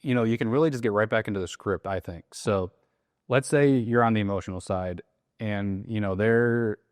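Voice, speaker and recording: Relaxed man coaching sales calls. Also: lowish voice, moderate pace, no room sound, clean studio sound. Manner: relaxed, acts out sales calls with quoted lines. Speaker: real estate wholesaling coach. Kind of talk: casual teaching conversation.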